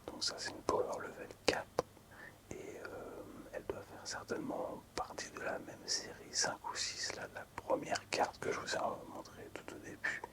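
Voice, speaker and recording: A video creator shows off collectible cards while whispering throughout in soft ASMR fashion. He speaks slowly and hesitantly, pausing between short phrases as he quietly presents each item to his viewers.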